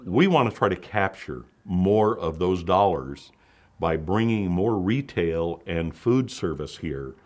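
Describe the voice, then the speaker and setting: A man's voice: low voice, expressive, slow. A man speaking as a local official in a promotional interview, upbeat and boosterish.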